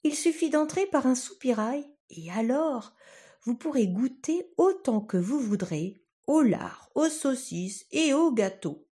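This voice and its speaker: Storybook thumb-sized boy, high and bold, a touch husky, woman reading. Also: big pitch swings, slow, warm tone, exaggerated voice. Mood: coaxing. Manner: high cheeky piping cries. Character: tiny bold boy no bigger than a thumb.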